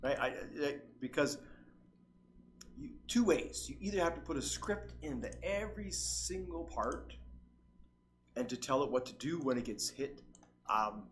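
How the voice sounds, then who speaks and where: A man's voice: medium pitch, lively intonation, unhurried, long pauses, a little hiss or hum. A man hosting a casual coding tutorial while losing his voice to a cold, rambling with lots of fillers and restarted sentences. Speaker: channel host, tutorial maker.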